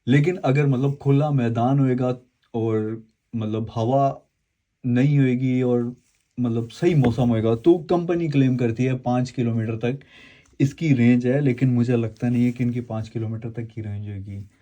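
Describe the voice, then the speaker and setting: A man with a warm, medium-pitched voice speaks at a moderate pace and a steady tone, though the audio is dull. In his relaxed unboxing and review video, he rambles through explanations for viewers, repeating and correcting himself often.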